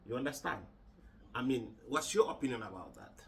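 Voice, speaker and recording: A man from Gambia hosting a casual podcast chat, halting and repeating words with many fillers. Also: mid-range voice, big pitch swings, creaky, distant mic, slight background noise, low-quality recording. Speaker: podcast host.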